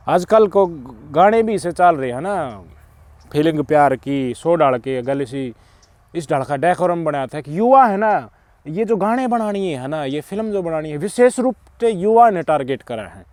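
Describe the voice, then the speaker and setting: This is a middle-aged man with a Haryanvi accent, hosting a channel and preaching emphatically about society while swinging between loud outbursts and muttered asides. His voice is a little high, and the recording is dry.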